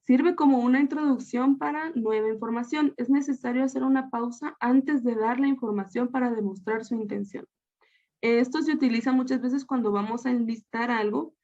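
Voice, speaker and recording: A woman from Guatemala teaches a recorded lesson over slides, her voice set a little high. She explains step by step, often pausing on fillers and restarting her sentences. The audio is slightly dull and lo-fi. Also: dark tone. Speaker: student teacher.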